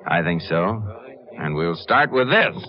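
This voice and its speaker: An actor playing a calm, dryly confident lawman ranger with an unhurried, authoritative manner in an old-time radio western. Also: deep voice, slight background noise. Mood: firm, dry. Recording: muffled old radio drama with music.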